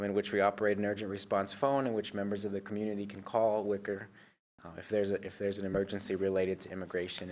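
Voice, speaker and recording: Flat, low-voiced man presenting. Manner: steady, measured delivery with frequent ums. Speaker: invited presenter. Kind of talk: prepared presentation. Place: public meeting room.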